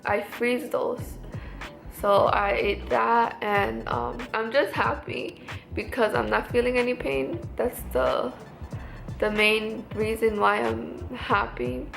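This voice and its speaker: Casting: young female vlogger, fresh from wisdom teeth surgery, stiff restrained mouth, higher creaky voice, casual recounting, faint music underneath. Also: fairly even intonation, slow. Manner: talking stiffly after wisdom teeth surgery, unable to smile.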